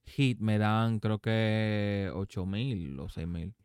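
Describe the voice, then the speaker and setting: A man's voice: lowish voice, takes it slowly, darkish tone, smooth, no echo, clean studio sound. A man with a Dominican accent hosting a casual conversation about video games. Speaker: podcast host. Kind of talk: casual gaming chat.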